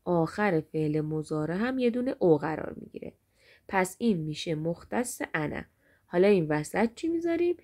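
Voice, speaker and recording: A woman teaching Arabic grammar to students, speaking to them directly and stretching out example words slowly as a drill. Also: on the low side, very animated, a little mellow.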